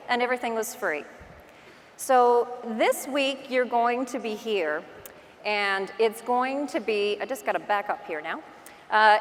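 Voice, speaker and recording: Her voice is a little high and fairly bright, with a bit of hiss or hum in the recording and long reverb from the stage of a big indoor hall. She's a real estate agent and conference speaker with a Newfoundland accent, delivering an informal, self-deprecating motivational talk through stories and acted-out asides.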